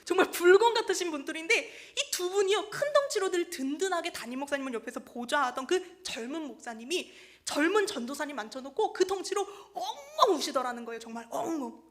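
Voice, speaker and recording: A woman's voice: very high-pitched, very animated, fairly quick, few pauses. A woman evangelist preaching a Sunday sermon in a church, telling a story and acting out the quoted people.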